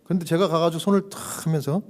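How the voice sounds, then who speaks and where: A pastor with a fairly high voice preaches in a church. He tells a story with animation and plays the people in it. At solemn moments his voice sinks to a hushed whisper. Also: fast talker. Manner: animated storyteller who acts out quoted voices. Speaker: pastor and hospital chaplain. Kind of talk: sermon storytelling.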